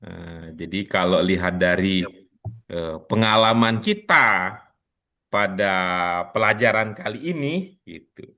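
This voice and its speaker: A man's voice: on the low side, lively intonation, slow pace, pushed and bright. A man teaching an online class in a casual, chatty way, teasing his students and laughing often. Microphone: video call.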